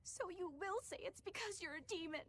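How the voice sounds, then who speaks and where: An earnest young exorcist. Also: female voice, high voice, very animated, normal speed.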